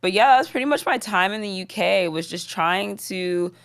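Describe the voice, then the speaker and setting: In a studio-quality recording with no echo, a twenty-something woman from the UK talks as a guest rapper in a relaxed interview. Her medium-pitched voice moves at a moderate pace and sounds a bit bright, clear, and resonant. She laughs often and fills pauses with "like" and "um."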